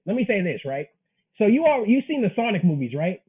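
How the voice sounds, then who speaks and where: A manga creator in his early twenties chats casually as an interview guest, earnest, emphatic and full of slang. His voice sits high, very animated and fairly quick, with a breathy edge, coming through tinny call audio.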